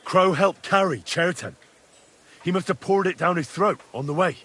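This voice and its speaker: An actor playing a young soldier who lays out his evidence in a steady, matter-of-fact way in a video game. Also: high-pitched, normal speed, breathy edge.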